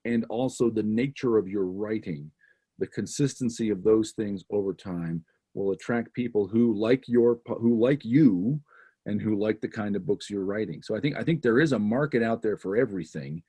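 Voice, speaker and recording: A man's voice: fairly low pitch, normal speed, dark tone, husky. A man speaking as a guest author in casual conversation, telling a history story with lots of restarts and fillers.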